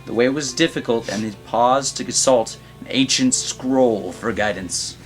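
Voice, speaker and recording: A man's voice: medium pitch, unhurried. Man narrating with music behind. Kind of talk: comic fan-fiction reading.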